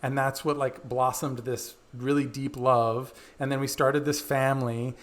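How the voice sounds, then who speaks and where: A man's voice: medium pitch, level tone, unhurried. A man coaching through his own candid story, talking in an earnest, open, chatty way with lots of fillers.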